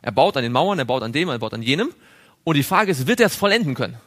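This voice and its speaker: A man's voice: medium pitch, animated, quick pace, a bit bright. Man leading a chatty Bible study. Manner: asks the group questions, chuckles, drawing on a board. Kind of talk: interactive Bible study lesson.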